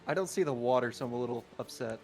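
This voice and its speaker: A man's voice: medium pitch, racing, over loud music. A man playing a tabletop game, talking in a jokey, casual way. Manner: jokey, laughs often. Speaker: player.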